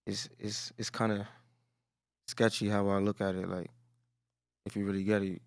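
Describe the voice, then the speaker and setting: A man, a rapper talking casually and quietly in an interview, often trailing off. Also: level tone, normal speed, gravelly, smooth, dry recording, clean studio sound. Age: 20s. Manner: laid-back, low-key, trails off with "that's really it". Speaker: rapper guest.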